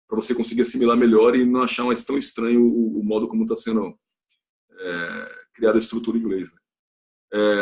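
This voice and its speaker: A man from Brazil teaching an English lesson, explaining patiently, repeating phrases and checking in with his listeners. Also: darkish tone. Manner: acts out example sentences with a raised pitch. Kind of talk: recorded classroom lesson.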